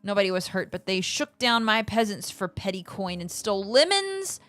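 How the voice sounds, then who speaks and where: A woman's voice: medium pitch, sing-song, normal speed, a bit bright, no echo. A woman voicing an aggrieved, pompous noble in a theatrical, complaining game role-play manner, with music behind. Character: aggrieved, pompous noble patrician pleading to a ruler.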